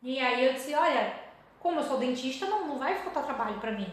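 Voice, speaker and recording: Lady telling her story in an interview, kinda high voice, acts out what she said back then, big echoey room. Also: expressive, quick pace. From Salvador, Bahia, Brazil. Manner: chatty, acts out her own past remarks in quoted lines. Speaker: dentist, interview guest.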